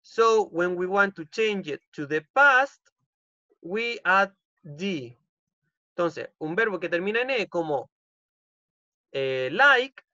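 A high, pushed, bright male voice belongs to an English teacher with a Chilean accent holding an online lesson at home. He restates each rule in Spanish and frequently asks "ok?". Recorded on a computer mic during a video call, the sound is dry and muffled.

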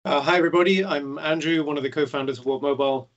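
A man from Kenya introduces himself casually and quickly. His voice is mid-pitched, and the video call audio is dull. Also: steady tone. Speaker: guest, co-founder.

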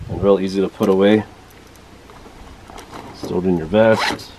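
A man casually signing off his fishing vlog outdoors, chatty and relaxed, with loose sentences. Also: sits low, unhurried, noisy background. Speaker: fishing vlogger. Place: outdoors by the water.

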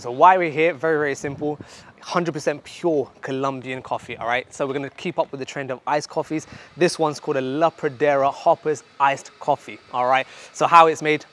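A man's voice: mid-range voice, fairly bright tone. A man in his thirties, a vlog host, presenting to camera in a breezy, slangy way on a city street.

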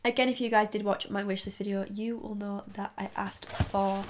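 A woman's voice: mid-range voice, level tone, moderate pace, background noise. A woman with a cold and a blocked, nasal voice, chatting to her viewers in a casual vlog. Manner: chatty and bubbly, talking straight to viewers. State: congested, blocked nose from a cold. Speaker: YouTube vlogger. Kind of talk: casual haul vlog chat.

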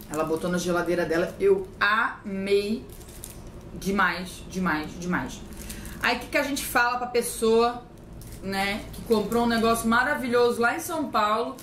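In a roomy space with slight background noise, a Brazilian woman from the country's south opens mail at home for her vlog. Her mid-range voice gushes through the casual unboxing chat, exclamatory and playful.

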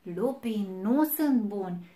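A woman voicing a big, bad male wolf who makes loud, menacing threats in a storybook reading, recorded in an echoey room. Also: mid-range voice, expressive, close to an everyday voice. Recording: echoey room, faint noise.

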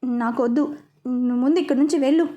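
A woman voicing a weak but defiant young woman in a storybook reading, speaking with a resentful, steady voice. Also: high-pitched, fast, close to an everyday voice. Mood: angry.

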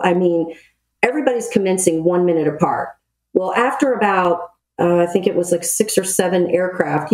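A middle-aged woman, a retired Navy air traffic control officer, explains procedures as a podcast guest in the matter-of-fact way of a former military officer. Her voice is fairly low and darkish. The recording sounds roomy and echoey.

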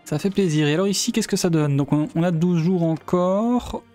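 Man from Belgium, let's play commentary, fairly high voice, rambling self-talk, faint game music behind. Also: normal speed, a little mellow. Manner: chatty, thinks aloud, trails off mid-sentence. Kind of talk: live gameplay commentary.

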